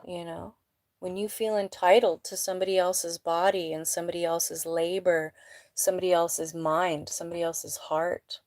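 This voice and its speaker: A woman's voice: fairly low pitch, little pitch movement, moderate pace, a little mellow, no room sound. A woman giving a casual live tarot reading, blunt and emphatic, with a sniffly nose, indoors at home. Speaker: tarot reader.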